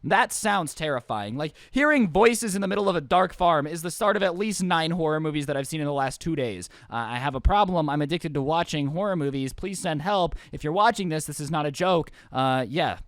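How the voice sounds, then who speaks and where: Sarcastic, high-voiced young guy telling a story. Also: animated, fairly quick, few pauses, a bit bright, no echo, clean studio sound. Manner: sarcastic, rambling asides. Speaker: storytime vlogger. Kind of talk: casual comedic storytelling.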